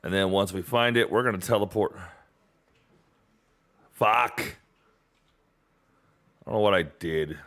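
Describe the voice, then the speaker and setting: A man streams a game live, talking to himself and to chat, getting annoyed easily and swearing often. His low, fairly bright voice runs a little slow with long pauses.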